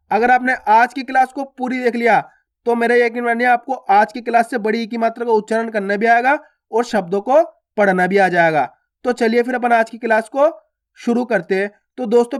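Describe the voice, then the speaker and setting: A man teaching a beginner reading lesson. He explains patiently and repeats himself, stretching vowel sounds and answering his own questions. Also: very high voice. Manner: asks questions then answers them himself.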